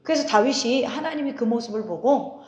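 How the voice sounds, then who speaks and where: A woman's voice: on the high side, fairly quick. A woman pastor in her forties preaching a sermon in a conversational way, asking the congregation questions and telling stories with laughter. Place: church sanctuary. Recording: echoey church hall.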